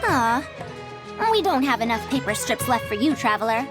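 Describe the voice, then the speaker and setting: A high-pitched, animated young female scholar played by a woman from a video game. She is self-assured and explains things precisely like a proud senior researcher, over clear background music. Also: moderate pace, lightly acted. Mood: encouraging, teacherly. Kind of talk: video game character dialogue.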